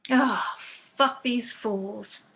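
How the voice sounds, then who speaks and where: A man's voice: very high voice, extremely slow, creaky, bright, forceful tone, pitched above the performer's own voice, heavily acted. A man voicing a curt, matter-of-fact female sniper.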